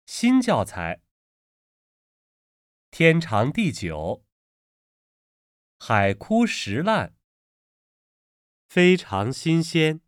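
A man's voice: mid-range voice, dry recording, clean studio sound. A man reading drill words and sentences for a pronunciation lesson, enunciating each one carefully in a textbook-recording style. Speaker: Mandarin pronunciation lesson reader. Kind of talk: slow, deliberate textbook recording.

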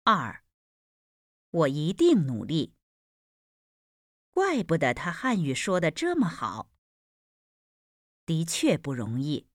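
A woman's voice: deep voice, huge pitch swings, slow pace, long pauses, no echo, clean studio sound. A woman reading demonstration sentences for a pronunciation lesson, enunciating each one carefully in a textbook-recording style. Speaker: Mandarin pronunciation lesson reader. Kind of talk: slow, deliberate textbook recording.

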